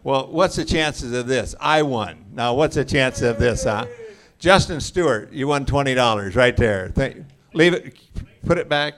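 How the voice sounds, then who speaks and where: A man hosting a class auction, calling out prize winners and joking with the crowd in a booming voice. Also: lively intonation, measured pace, fairly bright tone. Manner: jokey, booming crowd address. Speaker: auction host. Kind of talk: live event emcee.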